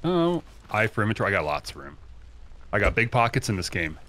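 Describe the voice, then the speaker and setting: A man's voice: lowish voice, sing-song, fast talker, fairly bright tone, a little hiss or hum. A man playing a co-op survival game as a guest, giggly, puzzled and easily amused. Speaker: co-op guest player. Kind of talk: casual let's-play banter.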